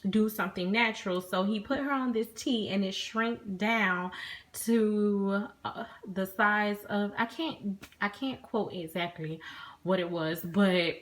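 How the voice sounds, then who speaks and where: A woman's voice: mid-range voice, measured pace. Chatty woman rambling on a phone vlog. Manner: chatty, rambling with many ums and restarts. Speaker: product reviewer. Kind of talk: casual product review vlog.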